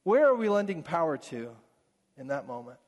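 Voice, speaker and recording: Guy preaching in a church, kinda high voice, gets fired up then goes quiet, long echo around him. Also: sing-song, moderate pace. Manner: earnest, swings between fervent and hushed. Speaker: pastor. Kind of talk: sermon.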